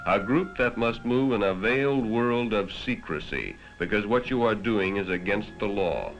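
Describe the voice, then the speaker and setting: Heard through a muffled vintage 1960s film soundtrack over prominent music, an American man narrates from a script at a moderate pace. His voice is on the low side with lively intonation. He addresses the listener directly, grave and dramatic, moralizing like a 1960s educational film.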